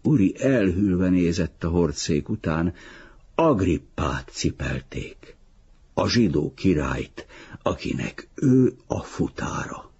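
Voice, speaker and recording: Male audiobook reader, low voice, raspy texture, muffled lo-fi sound, calm literary delivery. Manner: measured, even literary reading. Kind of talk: audiobook narration of a novel.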